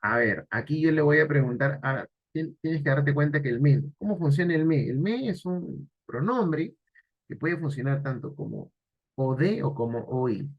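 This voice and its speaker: A man's voice: a little high, expressive, moderate pace, highs cut off. A man teaching an exam-prep grammar lesson, asking the viewer questions and then answering them himself.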